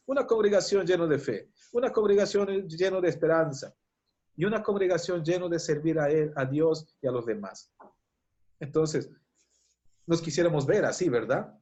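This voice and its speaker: A man's voice: fairly high pitch, darkish tone, highs cut off. A man with a Peruvian Spanish accent preaching a sermon, telling biblical stories fervently with frequent stumbles and restarts. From Peru.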